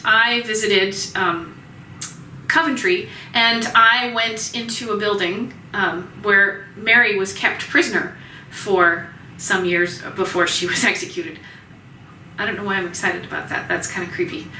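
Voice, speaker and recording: A woman's voice: mid-range voice, pushed and bright, roomy sound, distant mic, slight background noise, poor audio. A woman teaching music history in a chatty recorded lecture, with many ums, sometimes acting out the sounds in the music. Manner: chatty, many ums, voices vendor cries and hen clucks for fun.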